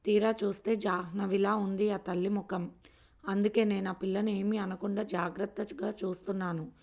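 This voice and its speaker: A kind elder sister-in-law speaks softly and soothingly, as a woman reading a story puts her on. Her tone stays level, with little rise and fall. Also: medium pitch, flat delivery, moderate pace, lightly acted. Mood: gentle. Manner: gentle, soothing advice.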